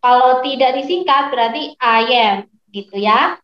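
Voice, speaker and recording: Woman English teacher, high voice, patient slow explanations, roomy echo, dull muffled sound. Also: animated. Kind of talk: online class lesson, mixing English and Indonesian. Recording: echoey, slightly muffled online lesson audio.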